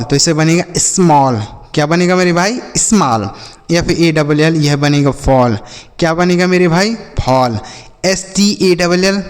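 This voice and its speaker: A male teacher giving a phonics lesson who repeats each answer back in a call-and-response drill and calls his listeners brother and children. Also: a little high. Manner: repetitive call-and-response drilling, asks then answers himself; addresses viewers as "my brother" and "children". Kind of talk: classroom-style phonics lesson. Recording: long hall reverb.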